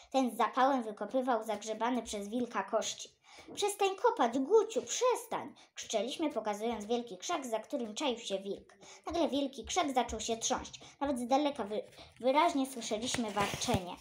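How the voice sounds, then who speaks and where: A woman reading a children's book aloud, animated, her voice leaping up for exclamations. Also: normal speed. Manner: animated, jumps high for exclamations. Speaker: storyteller.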